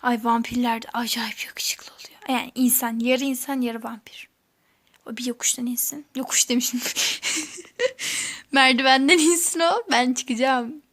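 A woman playing a mobile horror game with casual commentary. She curses freely, sinks into hushed whispers while sneaking, and breaks into alarmed exclamations, recorded through a phone's screen recorder. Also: fairly high pitch, fairly even intonation, measured pace. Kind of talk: casual let's-play commentary. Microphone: phone screen recorder mic.

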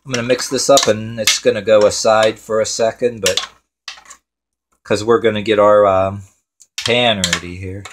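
A man's voice: on the low side, fairly even intonation, normal speed, background noise. A man hosting a home cooking show in his kitchen, rambling and swearing casually to himself as he works.

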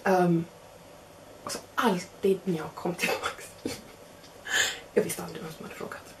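A young woman with a fairly low-pitched voice casually tells a self-mocking anecdote, animated and acting out the quotes of the other people in it, like a storyteller. The background is noisy.

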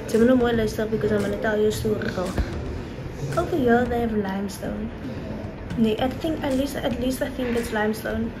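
A woman's voice: a little high, fairly even intonation, fairly quick, noisy background. A young South African woman chatting casually to her viewers in a travel vlog, calling them babes and dropping in Afrikaans words. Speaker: travel vlogger.

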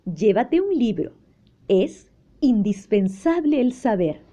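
A woman's voice: fairly high pitch, big pitch swings, slow, full character voice. A woman voicing a caring but strict mother of a young boy in a children's story, talking firmly. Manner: firm, scolding, warm.

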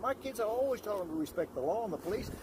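A man's voice: sits high, animated, rapid-fire. An older local man, folksy and profane, chatting admiringly outdoors on a street. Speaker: local passerby. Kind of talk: casual street conversation. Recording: outdoor noise with wind.

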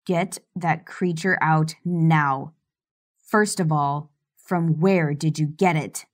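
Woman voicing a domineering rich man, icy, commanding, slow clipped orders, lowered voice, audiobook. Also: fairly even intonation, a little mellow. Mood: cold commanding.

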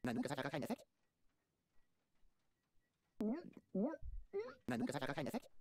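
A man's voice: high voice, wildly swooping pitch, moderate pace, a little mellow, full character voice. A man voicing a cocky, casual young hero in an adventure video game, with a flippant manner. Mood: offhand. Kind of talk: video game character acting. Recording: music behind the voice.

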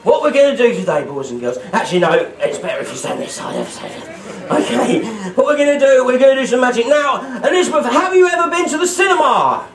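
A man's voice: very high-pitched, big pitch swings, quick pace, few pauses, recorded from a distance, crowd noise. A middle-aged British man doing exuberant kids party magician patter, calling out questions to the children. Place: on stage in a festival marquee. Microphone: distant audience camera picking up amplified voice. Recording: echoey tent PA, picked up from afar.

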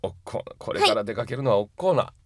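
A man's voice: lowish voice, very animated, quick pace, no room sound, clean studio sound. A man with a Kansai accent co-hosting a radio variety show, chatting casually and running a quiz. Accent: Kansai Japanese. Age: 40s. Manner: laid-back and chuckling, reads quiz lines in a rising announcer voice. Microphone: studio microphone.

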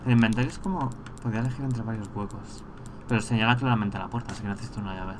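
A man giving casual let's-play commentary, thinking aloud and breaking into excited rants. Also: fairly low pitch, racing, noisy background. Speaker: gameplay streamer.

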